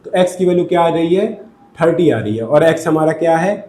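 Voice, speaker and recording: A man teaches a maths lesson, talking through every step of the working and putting questions to himself before answering them. His voice sits a little high but has a soft, mellow tone. He is recorded in an echoey room with faint background noise. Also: expressive, brisk. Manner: talks through sums aloud, asks and answers his own questions.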